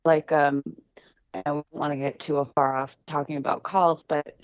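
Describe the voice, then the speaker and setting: A woman's voice: low-pitched, level tone, normal speed, no room sound. A woman on a remote podcast call whose audio keeps breaking up and dropping out, speaking casually and bluntly. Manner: blunt, casual, swears freely. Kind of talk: casual chat. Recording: dull lo-fi call line.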